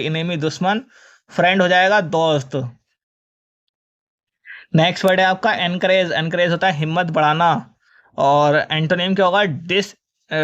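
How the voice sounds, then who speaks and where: High-voiced male teacher drilling vocabulary. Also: a bit bright, highs cut off. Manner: spells each word letter by letter, then gives its meaning and opposite; addresses students as children. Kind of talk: vocabulary lesson for exam students.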